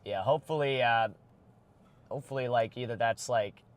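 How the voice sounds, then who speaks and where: A man's voice: medium pitch, normal speed. A man livestreaming storm chasing from a moving car, thinking aloud in casual, rambling commentary full of fillers. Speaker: storm chaser streaming live.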